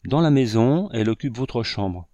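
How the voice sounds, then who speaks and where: A man voicing an eager girl of about sixteen, higher and louder than his narration. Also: animated, normal speed, no echo, dull audio, lightly acted.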